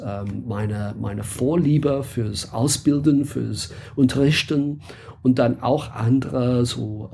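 A man's voice: mid-range voice, creaky, darkish tone, slight background noise. A man from England with an English accent, a guest in a casual interview, speaking hesitantly with many fillers and searching for words.

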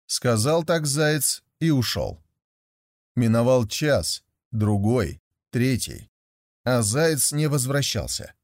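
A man narrating a fairy tale aloud in a steady, measured storytelling voice. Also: medium pitch, no room sound, clean studio sound.

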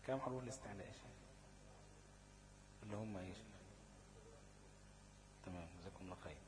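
A man's voice: sits low, fast, background noise. Egyptian man teaching a class. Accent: Egyptian Arabic. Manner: quizzes the class with constant "what?" and "okay?" checks. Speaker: Quran recitation teacher. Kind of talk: classroom lesson. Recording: class chatter behind the voice.

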